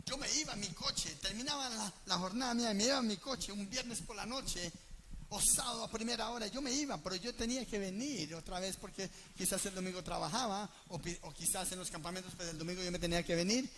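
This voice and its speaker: Male preacher, high voice, lively storytelling sermon at a church. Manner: animated, asks the congregation questions and acts out dialogue. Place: church gathering.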